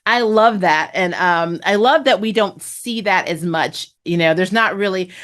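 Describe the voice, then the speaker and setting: With a lowish, somewhat bright voice, this woman hosts a relaxed spoiler review of a TV episode. Amused and talkative, she laughs frequently and leans on fillers like "um" and "you know."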